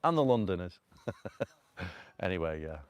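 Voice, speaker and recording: This vlogger has a deep, smooth voice with big pitch swings and a moderate pace. Originally from North Manchester and carrying that Northern English accent, he's rambling and chatty on a casual live stream at a rocky cove by a river. He laughs often, fills his speech with fillers, and talks into a phone on a selfie stick.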